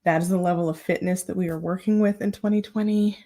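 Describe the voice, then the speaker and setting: A woman's voice: on the low side, steady tone, fast, dark tone. A woman hosting a casual live stream from her home, chatty and playful, a little out of breath and calling her viewers y'all. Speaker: style vlogger hosting a live Q&A.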